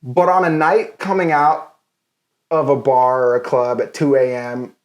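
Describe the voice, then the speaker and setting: Male co-host, casual banter, loose and jokey, mid pitch. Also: fairly even intonation, a little slow. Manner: loose and joking, heavy use of filler "like". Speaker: podcast co-host. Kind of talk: casual chat.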